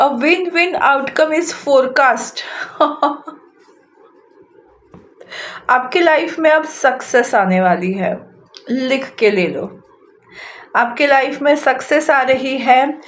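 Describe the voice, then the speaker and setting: A woman giving a casual tarot card reading. She chats freely, laughs often, and reads the card messages aloud slowly. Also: fairly high pitch. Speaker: tarot reader.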